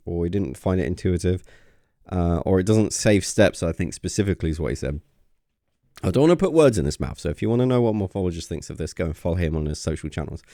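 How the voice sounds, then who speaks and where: A gaming channel host with a low-pitched, dark voice chats casually about a game update in clean, echo-free studio sound. He rambles enthusiastically with lots of fillers, and his voice grows a little worn.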